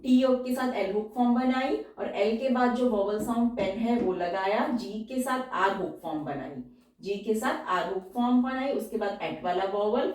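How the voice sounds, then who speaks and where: A woman explains a shorthand lesson one step at a time and draws out each example word as she repeats it. Her voice is mid-pitched and comes from some distance away from the mic. The room around her is very echoey. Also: a little mellow. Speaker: shorthand teacher.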